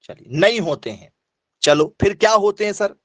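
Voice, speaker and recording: A man's voice: high voice, lively intonation, moderate pace, a bit bright, dry recording. A male teacher giving an online class lecture. He repeats his points and keeps quizzing students, asking them for yes or no replies.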